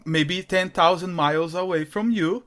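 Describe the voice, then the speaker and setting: A man's voice: sits high, normal speed, fairly bright tone. A man from Brazil, hosting a casual interview over a video call, eager and chatty, sometimes cutting in. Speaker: interviewer host.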